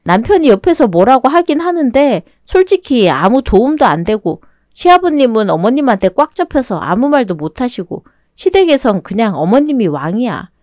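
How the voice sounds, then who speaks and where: A woman telling a radio drama story in her own plain voice, fairly high and lively in pitch. The sound is dry and close. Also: no room sound. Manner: plain, restrained, low-key. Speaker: narrator and lead character.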